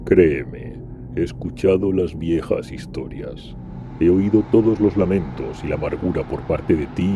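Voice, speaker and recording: Background noise runs beneath a fan audio drama performance in which a man plays an ambitious, scarred Iron Warrior. He speaks low and measured, with a bitter, commanding edge.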